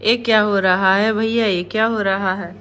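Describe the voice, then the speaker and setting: A woman's voice: mid-range voice, steady tone, moderate pace, a bit bright, slight background noise. A young woman with a Bundeli accent filming a casual family vlog at her village home, chatty and teasing as she talks to and about her children. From Bundelkhand, India. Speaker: vlogger and mother.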